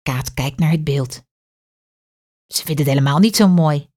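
A woman's voice: sits low, a little slow. A woman, reading a children's story aloud expressively. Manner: clear, expressive read-aloud.

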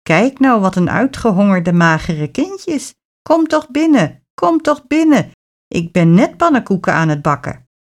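A woman voicing a cruel old witch with a creaky voice, sweet one moment and gloating the next. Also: medium pitch, expressive, measured pace, close to an everyday voice. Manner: sugary, then gloating and bossy.

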